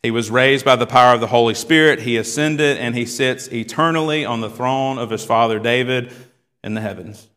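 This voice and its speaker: A man's voice: medium pitch, a little fast, fairly bright tone. A male pastor preaching a sermon and reading scripture aloud, voicing the quoted cries with rising force. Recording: long hall reverb.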